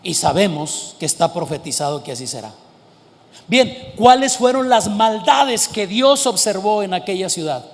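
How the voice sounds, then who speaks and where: A male pastor delivers a sermon in a high voice, with a long hall reverb behind him. He slows down to press key words and at times rises into emphatic shouts. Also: very animated. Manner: preaching, rising to emphatic shouts and slowing for stress.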